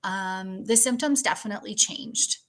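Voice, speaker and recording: A woman's voice: medium pitch, normal speed. A woman in her forties from Canada, describing fatigue and recovery in an interview, matter-of-fact. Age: 40s. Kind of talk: recalling illness in an interview.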